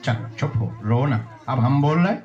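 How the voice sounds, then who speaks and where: A man's voice: medium pitch, expressive, unhurried, darkish tone, lo-fi sound. A man acting as a spiritual guru, addressing devotees with short commands and rhythmic pronouncements. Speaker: spiritual guru holding court. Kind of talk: addressing devotees at a religious gathering.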